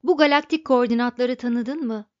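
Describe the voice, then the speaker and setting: A boisterous, childishly excited male alien captain voiced by a woman reading an audiobook, pitched up and loud when he crows over his find. His lines burst out bold against the dull, dry recording. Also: moderate pace, no room sound, close to an everyday voice. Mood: brash.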